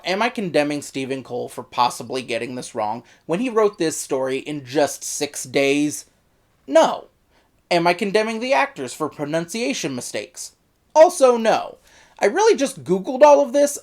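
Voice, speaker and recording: A woman reviewing an audio drama in a chatty, scripted monologue, correcting herself as she goes. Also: fairly low pitch. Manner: chatty, self-correcting, animated emphasis.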